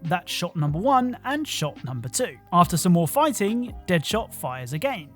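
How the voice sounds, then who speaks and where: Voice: medium pitch, sing-song, moderate pace, loud music behind the voice. A host narrating a scripted video game countdown with wry, joking asides.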